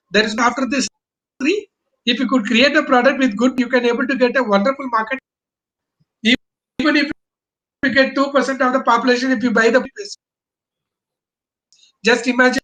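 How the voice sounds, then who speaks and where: A man's voice: extremely high pitch, pushed and bright, poor audio. A man from Bangalore, explaining business as an interview guest in emphatic, choppy phrases with rhetorical questions. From Bangalore, India.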